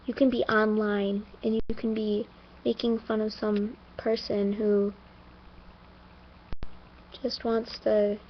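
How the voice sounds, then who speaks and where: A teenage girl telling a personal story to the camera, somber and earnest, halting with many fillers and restarts. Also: mid-range voice, level tone, a little hiss or hum. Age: teens. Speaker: vlogger. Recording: dull lo-fi home recording.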